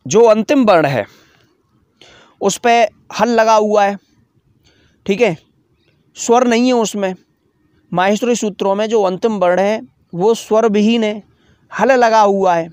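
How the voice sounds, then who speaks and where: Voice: mid-range voice, a little mellow, no room sound, studio quality. A grammar teacher giving an online lesson, patiently repeating key terms and asking questions only to answer them. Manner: asks rhetorical questions, then answers them.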